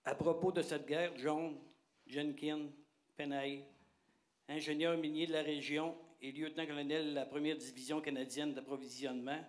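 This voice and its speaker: An older man reading a commemorative text formally, in measured short phrases. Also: a little high, little pitch movement. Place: community hall with seated audience. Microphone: handheld microphone.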